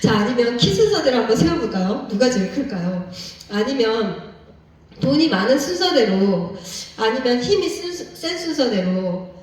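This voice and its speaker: A woman's voice: a little high, very animated, normal speed. A woman preacher giving a sermon, earnestly pleading and asking the congregation one question after another. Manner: asks the congregation many questions. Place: church sanctuary. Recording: echoey church from far off.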